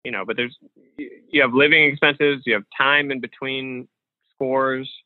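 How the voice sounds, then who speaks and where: A man talks loosely as an interview guest, pausing and restarting his sentences often. His voice comes through a narrow, phone-like line with no room echo. The sound is thin and close. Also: mid-range voice, steady tone. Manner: thinks aloud with frequent fillers and restarts. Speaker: guest, professional poker player. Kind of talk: casual interview conversation. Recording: dry, phone-like remote call audio.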